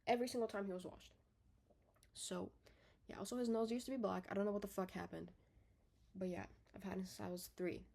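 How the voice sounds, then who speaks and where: A young woman in her own bedroom, rambling in a casual, unedited video diary. She is out of breath, swears casually, corrects herself often and lets her sentences trail off softly. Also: mid-range voice, steady tone, brisk, gravelly, pauses often. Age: young adult. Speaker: vlogger.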